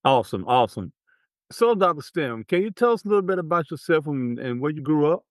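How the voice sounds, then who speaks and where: A man's voice: a little high, very animated, fairly quick, dry recording, clean studio sound. A man hosting his podcast, reading a formal guest introduction and then asking questions in an upbeat, encouraging way. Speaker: podcast host. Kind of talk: interview hosting.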